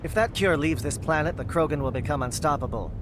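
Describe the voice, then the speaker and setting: A man's voice: on the high side, fast talker, noisy background, lightly acted. A man playing a disciplined alien captain in a video game, speaking in a clipped, formal, urgent way. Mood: grave, urgent. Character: brisk, disciplined male alien military captain. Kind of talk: dramatic video game acting.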